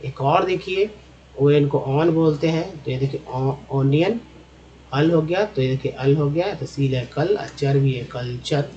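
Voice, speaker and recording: A man's voice: a little high, unhurried, dark tone, highs cut off. Man teaching English spellings. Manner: repeats each sound several times, addresses viewers as friends. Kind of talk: slide-based spelling and pronunciation lesson.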